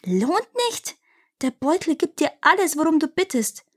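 A woman voicing small, spiteful male demons in a fairy tale reading, shrill and shrieking. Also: lively intonation, measured pace. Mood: greedy.

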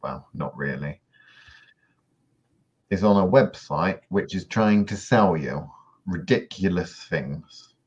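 A man co-hosting a podcast in casual discussion, dry and sardonic, often trailing off quietly at the ends of sentences. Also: low voice, slow pace, husky, muffled recording. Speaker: podcast co-host.

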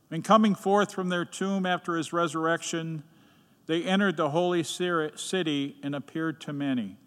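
A man reading the gospel at Mass in a slow, measured, solemn way, his voice carrying a long cathedral echo in a large church. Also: fairly high pitch, sharp tone. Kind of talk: liturgical scripture reading.

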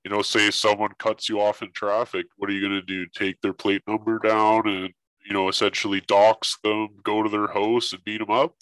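A man's voice: on the low side, level tone, normal speed, fairly bright tone, no room sound, poor audio. A man talking through a voice changer that disguises his voice, a guest investigator in casual interview chat, blunt and swearing freely.

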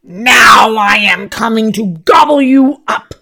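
A mean, ugly troll from a storybook, roaring every threat, as a woman storyteller puts him on. He drags out each word at a very slow, heavy pace, loud and menacing. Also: fairly high pitch, animated, creaky, exaggerated voice. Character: mean ugly male troll under a bridge.

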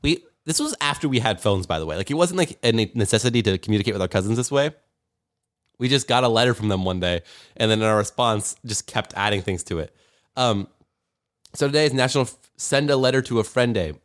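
A man's voice: mid-range voice, lively intonation, fast. A man hosting a podcast in casual comedic banter, rambling along in a joking, mock-serious way. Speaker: podcast host.

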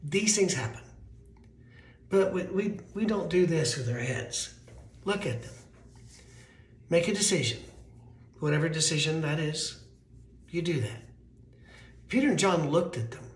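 Thin, weak-voiced American man preaching, higher-pitched. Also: lively intonation, a little slow, pauses often. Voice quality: thin, weakened voice. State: voice weak from allergies. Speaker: pastor. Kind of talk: conversational sermon with storytelling and scripture reading. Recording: roomy, echoing sound.

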